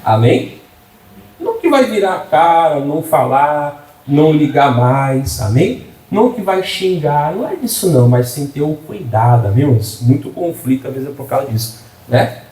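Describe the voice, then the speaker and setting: Joking preacher in an echoey church. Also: male voice, a little high, sing-song, moderate pace, darkish tone, far from the mic. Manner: humorous, folksy preaching with frequent call-and-response. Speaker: pastor. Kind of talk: sermon.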